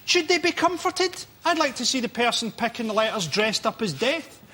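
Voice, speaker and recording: A man's voice: very high-pitched, big pitch swings, normal speed, heavy background noise. A man on a comedy panel, joking in a sardonic, crude way. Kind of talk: panel show banter.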